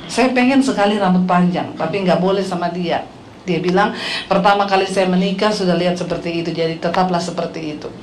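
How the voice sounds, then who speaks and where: Speaking a little fast in a lowish voice, a middle-aged woman pastor with an Indonesian accent preaches a lively, humorous sermon packed with stories and questions for the congregation. The church hall recording is echoey with faint noise.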